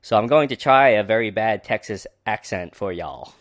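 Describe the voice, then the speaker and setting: A man's voice: on the low side, lively intonation, moderate pace, no echo, clean studio sound. A man hosting a book podcast, giving casual, sarcastic commentary that rambles and is full of fillers.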